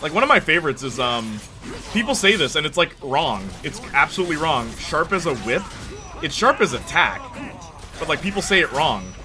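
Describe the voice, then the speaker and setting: Music plays in the background as a man streams a game, joking and chatting casually with his audience and laughing a lot. His voice is a little high, fairly quick, and swings widely in pitch, with noisy hiss on the recording.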